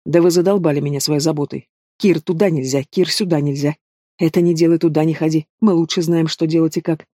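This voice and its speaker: A man's voice: on the high side, fairly even intonation, a little fast, warm tone, dry recording, clean studio sound, lightly acted. A man voicing a sneering young male villain in an audiobook, taunting and drawling with casual menace. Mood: scornful. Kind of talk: audiobook character voice.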